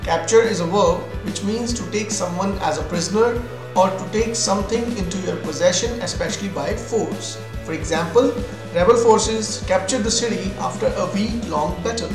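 At a normal speed and in a high voice, an Indian-accented English teacher works through a scripted vocabulary lesson. His approach is instructional: each word gets a definition, then examples. Behind him is music, and the space sounds roomy and echoey.

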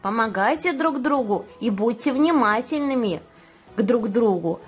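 A woman reading a children's bedtime fairy tale aloud and hosting the channel, slow, expressive and kindly. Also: fairly high pitch, husky, faint music behind. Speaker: storyteller and channel host.

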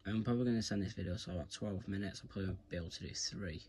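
Speaking very fast in a deep, slightly mellow voice, a British video presenter walks through a hands-on tutorial at home. He rambles and repeats himself casually while his phone camera films his hands in a carpeted room. There's a little hiss or hum on the recording.

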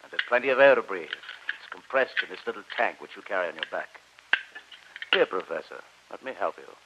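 Captain Nemo, very deep, commanding radio villain. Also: male voice, expressive. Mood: formal, gracious. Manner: formal, measured, imperious. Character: commanding, cultured, coolly menacing submarine captain. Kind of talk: old-time radio acting. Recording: muffled, hissy old radio recording.

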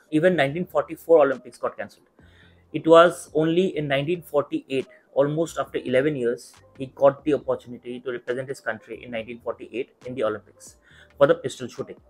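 A young adult man with an Indian accent giving earnest, measured and reassuring advice straight to camera. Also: medium pitch, rough recording. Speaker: YouTube mentor for medical exam students. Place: small indoor study room. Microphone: clip-on lapel mic.

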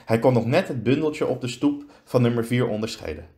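A male teacher reading a children's story aloud with lots of expression. He stretches words out for effect and keeps a medium pitch. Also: brisk, dark tone.

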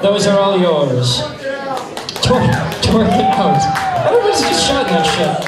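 A man's voice: high voice, wildly swooping pitch, measured pace, loud music behind the voice. A man hosting a burlesque show on stage, projecting into a handheld microphone with bawdy, teasing, profane showman's patter. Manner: projecting loudly to a live audience. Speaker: burlesque show host and raffle emcee. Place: on stage in a theatre-like venue. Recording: echoey hall from far off, loud crowd.

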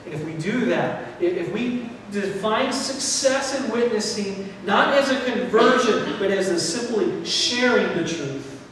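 A middle-aged man preaching a sermon in a church, animated, acting out what people think. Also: sits high, unhurried, hardly any pauses, a little hiss or hum. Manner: animated, gesturing while preaching, acts out quoted thoughts. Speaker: pastor. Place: church sanctuary, indoors. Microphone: far camera, no mic worn. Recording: echoey hall from far off.

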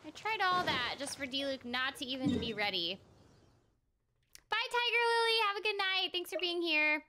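Bright and pushed, a young woman's high voice carries animated, moderately paced chatter as she plays a game on stream, joking with the characters and her viewers. Game music plays, with slight background noise.

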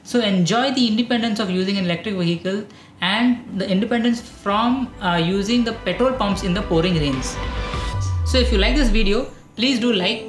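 A man in his thirties with an Indian English accent, calmly explaining as the host of an explainer show. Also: high voice, echoey room. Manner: calm, informative, steady delivery. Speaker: EV channel host. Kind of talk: explainer talking to camera. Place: dark studio, indoors.

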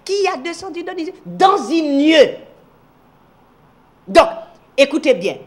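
High-voiced man preaching on television. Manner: emphatic, swings between loud declaring and hushed low asides; reads scripture aloud and addresses viewers directly. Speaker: preacher teaching the Bible. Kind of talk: televised Bible teaching.

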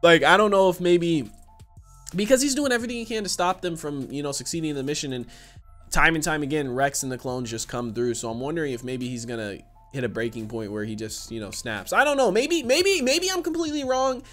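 A man's voice: a little high, lively intonation, fairly quick, fairly bright tone, soft background music. A man in his twenties giving casual reaction commentary as host, slangy and profane. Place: small indoor room with shelves.

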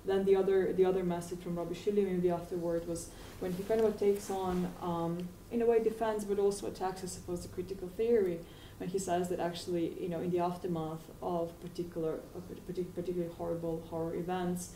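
A woman's voice: lowish voice, little pitch movement, fairly quick, hardly any pauses, mellow, slight background noise. A woman in her forties gives a hesitant academic panel response, full of fillers and restarts, in a university seminar room. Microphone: far room mic. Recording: echoey room from far off.

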